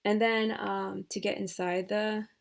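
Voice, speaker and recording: A woman walks through a software tutorial in a relaxed, thinking-aloud way, full of hesitant fillers. Her voice sits at a middle pitch with a noticeable vocal fry, and it drops to soft mutters as she works. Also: a little slow. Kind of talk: screen-recorded tutorial.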